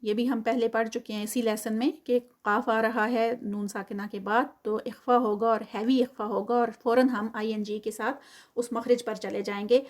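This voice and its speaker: Female recitation teacher, slightly high voice, patient and methodical in a tajweed lesson. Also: level tone. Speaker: Quran teacher.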